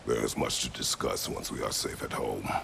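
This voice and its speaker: Brief: a gruff, gravelly game warrior god, curt and commanding, extremely low voice. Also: male voice, steady tone, moderate pace, a bit bright, slight background noise, heavily acted. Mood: stern. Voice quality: very deep, gravelly. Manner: terse, commanding. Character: stern gruff warrior god father, older man. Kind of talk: video game cutscene acting.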